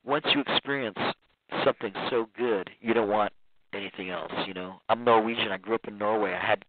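A man's voice: on the low side, fairly quick. Brief: rambling male guest, frequent laughs, thin phone-line sound, faint hiss. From Iran. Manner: rambling, laughs often, many restarts. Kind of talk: casual interview talk.

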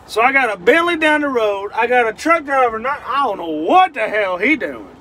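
High, animated trucker swearing. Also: male voice, moderate pace, slight background noise. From Kentucky. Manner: loud, swearing, joking, easily rattled. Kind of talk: profane running commentary.

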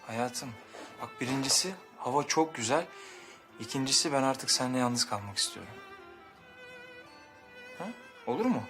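An actor playing an earnest, caring young husband and father who speaks gently and attentively in a TV drama. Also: mid-range voice, moderate pace, pauses often, soft background music. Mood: tender. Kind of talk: TV drama acting.

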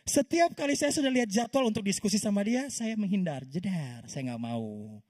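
A man's voice: sits high, normal speed. A man, a pastor in his thirties, preaching a sermon and telling a personal story while often calling out to the congregation. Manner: lively storytelling that often calls the congregation "saudara". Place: church service.

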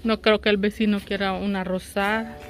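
A woman's voice: medium pitch, flat delivery, normal speed, faint music behind. A middle-aged woman from El Salvador with a Salvadoran accent, chatting casually to viewers as she hosts a shopping vlog on a handheld phone. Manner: conversational, addresses viewers as little friends. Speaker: vlog host. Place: outside storefronts, then inside a large discount store. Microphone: handheld phone at arm's length.

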